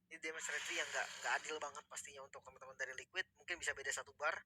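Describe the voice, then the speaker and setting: A man's voice: on the high side, steady tone, rapid-fire, sharp tone, slight background noise. A man with an Indonesian accent giving conversational, analytical commentary on a video game match as co-commentator.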